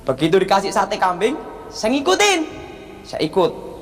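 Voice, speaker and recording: A man, a pastor giving a sermon testimony and telling his story with acted-out dialogue and loud exclamations. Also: high voice, wildly swooping pitch, normal speed, faint music behind. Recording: long reverb of a large hall.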